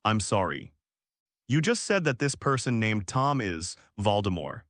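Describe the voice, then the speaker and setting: A scheming female tabloid reporter from a storybook fan tale, nervous and cornered, as a man reads her out in a plain, flat delivery with a lively rise and fall. The voice sits close and dry. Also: lowish voice, a little slow, no echo, heavily acted.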